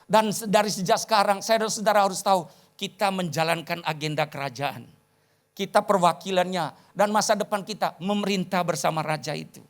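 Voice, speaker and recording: A man preaching a sermon as pastor at a church service, emphatic and often addressing the congregation directly. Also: high voice.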